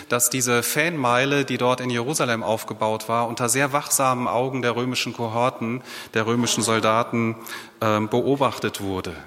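A man preaching a sermon in a relaxed, conversational way, putting rhetorical questions to his listeners. His mid-pitched voice carries a long reverb, as if he is speaking in a large church hall.

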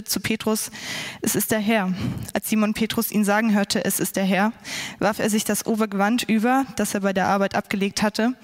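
A woman, a church intern, reading a scripture passage aloud in a steady, plain way. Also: medium pitch. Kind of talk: Bible reading.

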